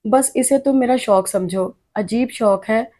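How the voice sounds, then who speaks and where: Lady reading as a quiet young woman doctor, guarded, short answers, softish higher voice. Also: a little slow. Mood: restrained.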